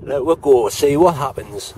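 A man's voice: medium pitch, expressive, a little slow, mellow, slight background noise. Chatty man vlogging in his allotment. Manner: chatty, plain-spoken, talks to viewers as he walks round. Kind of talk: casual walk-and-talk vlog. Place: outdoor allotment garden in light rain. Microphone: handheld camera, self-filmed.

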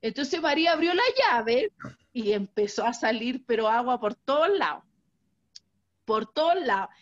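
A woman with a Chilean accent, a participant in an online training, tells an animated story and often quotes voices. Her voice sits a little high. The audio sounds dull and lo-fi, like an online call. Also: moderate pace. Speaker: workshop participant.

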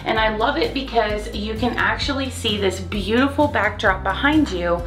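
A woman's voice: mid-range voice, normal speed, fairly bright tone, faint music behind. A woman in her forties, chatty and enthusiastic, giving a casual home office tour to a handheld camera. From Florida. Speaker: vlogger host. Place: home office, indoors, small room. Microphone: handheld camera at arm's length.

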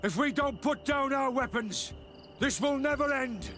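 Young recruit for a game: frightened, unsure, high-pitched, faint night insects. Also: male voice, unhurried, pushed and bright, a little hiss or hum, full character voice. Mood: anxious, torn. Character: frightened, wavering young male army recruit. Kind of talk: video game voice acting.

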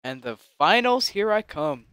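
Excitable male gamer, lively swinging pitch, dry close-mic sound, casual let's-play commentary. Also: unhurried, smooth, no room sound. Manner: excitable, yells sound effects and taunts. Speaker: gaming commentator.

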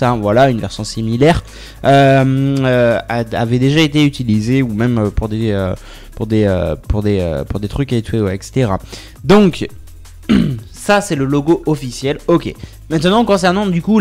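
A man's voice: mid-range voice, darkish tone. A man in his twenties from southwest France, talking casually through tech news for his viewers with many hesitations and restarts. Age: 20s. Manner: chatty, hesitant, full of filler sounds and restarts; addresses viewers as friends. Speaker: tech YouTuber.

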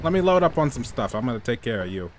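Playful man taunting, lively pitch. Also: fast, a crowd in the background, low-quality recording. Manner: mock-scolding, loud playful taunting. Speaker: streamer playing a ghost-hunting game. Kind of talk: casual gaming chat.

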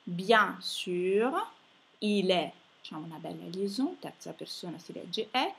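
Slow, husky woman teaching phonetics. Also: lowish voice, big pitch swings, fairly bright tone. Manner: slow, carefully spelling out sounds and silent letters. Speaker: French teacher. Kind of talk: slow phonetics lesson for students.

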